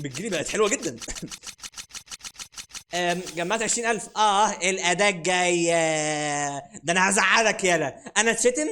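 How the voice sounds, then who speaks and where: A man with an Egyptian Arabic accent doing casual gameplay commentary from home, his voice high and his words rapid. He jokes and mocks, now and then breaking into shouts. The recording carries a clear layer of noise behind him. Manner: joking and sarcastic, bursts into shouting. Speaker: gaming YouTuber host. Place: at home, sitting on a dining chair.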